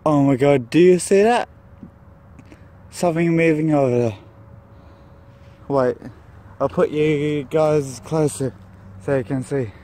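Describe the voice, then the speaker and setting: A man's voice: a little high, slow, long pauses, mellow. A man filming a ghost-hunting vlog outdoors by a tunnel, talking nervously to his handheld camera with jumpy exclamations. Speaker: vlogger. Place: outdoors near a tunnel and field.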